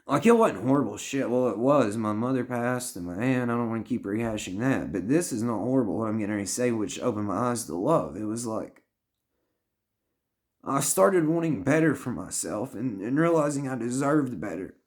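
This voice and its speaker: A man's voice: mid-range voice, expressive, normal speed. A man in his thirties talking straight to camera, earnest and rambling, often swearing and restarting his sentences as he gives life advice. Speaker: vlogger giving life advice. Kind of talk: heartfelt personal monologue.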